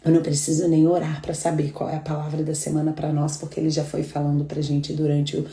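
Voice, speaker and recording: A woman's voice: deep voice, monotone, fast talker, warm tone, echoey room. A middle-aged Brazilian woman leading a live devotional, chatting and telling stories with frequent laughter. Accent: Brazilian Portuguese. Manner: chatty, storytelling, laughs often. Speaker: devotional group leader.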